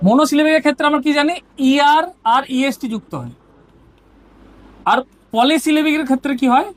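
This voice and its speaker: Her high-pitched voice moves briskly as this Bengali-accented woman teacher takes her students through grammar step by step. She keeps asking "ঠিক আছে?" to see if they are following.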